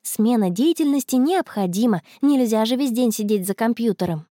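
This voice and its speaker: A woman's voice: on the high side, lively intonation, normal speed, dark tone, dry recording, studio quality. A woman voicing a sensible, cautious young schoolgirl with an earnest, warning manner.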